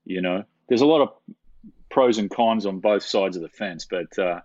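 Man, middle-aged, low voice, rambling anecdotes, repeats himself, muffled dry recording. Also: normal speed, darkish tone, dry recording. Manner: rambling, repeats words, self-deprecating humor. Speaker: camera operator guest. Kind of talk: casual interview storytelling. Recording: dull, dry, lo-fi sound.

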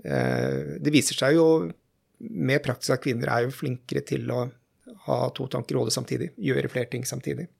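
A man working as a general practitioner, talking in a relaxed podcast conversation, thoughtful and hesitant with many fillers. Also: medium pitch, vocal fry, breathy edge. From Norway.

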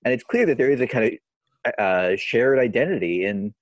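A man interviewing a guest, speaking in a thoughtful, measured way with frequent hedges. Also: mid-range voice, animated, no room sound, lo-fi sound. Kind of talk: conversational interview.

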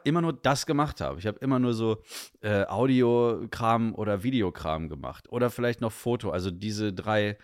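A man's voice: mid-range voice, dry recording, studio quality. A young man from northern Germany, a guest chatting casually in an interview, rambling with many fillers.

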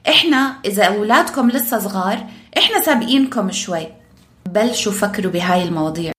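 A woman's voice: medium pitch, animated, fast, a bit bright. A woman podcast host with a Levantine Arabic accent, speaking emphatically and conversationally, with some English words mixed in. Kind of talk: conversational parenting discussion.

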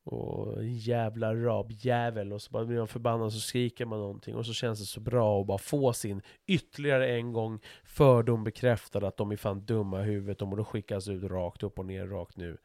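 A man's voice: on the low side, steady tone, few pauses, a little mellow, no room sound, studio quality. A middle-aged man talking frankly in a casual conversation, swearing freely and restarting his sentences as he thinks aloud.

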